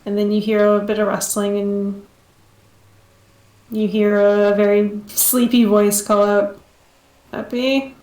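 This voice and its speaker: A woman narrating as game master of a tabletop game, unhurried, with frequent ums and easy laughter. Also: medium pitch, monotone, darkish tone. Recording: echoey room.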